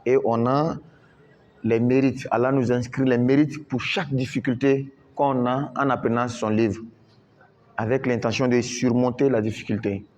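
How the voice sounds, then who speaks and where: A man's voice: mid-range voice, flat delivery, darkish tone, dull audio. A man teaching Quran recitation in French, patiently repeating each word and drawing out the recited syllables. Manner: slow, repeats words many times, drawn-out recitation.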